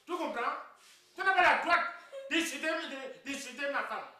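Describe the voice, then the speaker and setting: Brief: woman as a high-pitched, lively dad who dodges and blusters, recorded echoey and distant. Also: moderate pace, a little hiss or hum. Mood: angry. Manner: repetitive, evasive, excitable. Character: blustering father caught between daughter and wife.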